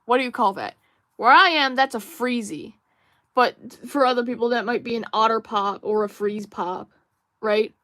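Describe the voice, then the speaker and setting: A woman's voice: on the high side, normal speed, a bit bright, no room sound, studio quality. A young woman hosting a casual livestream while drawing, musing and rambling with many fillers and restarts while she reads viewer chat aloud. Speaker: livestream host.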